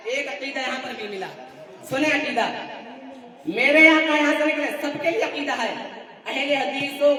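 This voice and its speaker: A male preacher with a very high voice builds his sermon from rhythmic, repeating lists and rhetorical questions. He sounds distant from the microphone, and his voice rings through a large, reverberant hall. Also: a bit bright. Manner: rhythmic, repetitive rhetorical listing, prompts audience responses. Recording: echoey hall, distant mic.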